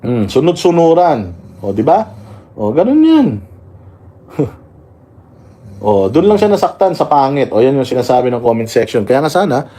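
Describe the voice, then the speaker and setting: A man's voice: mid-range voice, lively intonation, normal speed, dark tone. A man with a Filipino accent hosting casual political commentary, heated and mocking, swearing often and reading viewer comments aloud.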